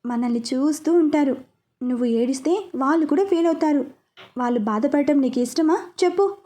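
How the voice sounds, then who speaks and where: A woman voicing a protective, loving young man in a spoken story, talking earnestly and gently. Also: high-pitched, a little fast, close to an everyday voice. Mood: tender.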